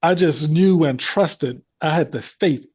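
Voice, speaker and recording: A man's voice: on the high side, unhurried, a little mellow, breathy edge, highs cut off. Earnest man telling a faith story. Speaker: guest. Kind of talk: personal testimony.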